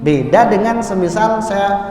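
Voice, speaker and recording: Man, mosque teacher with a high voice and unhurried delivery, plain teaching broken by slow melodic chanting, recorded far from the mic in a long-echo hall. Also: lively intonation, dark tone, a little hiss or hum. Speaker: mosque teacher of Quran recitation. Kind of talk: religious lesson with chanted recitation.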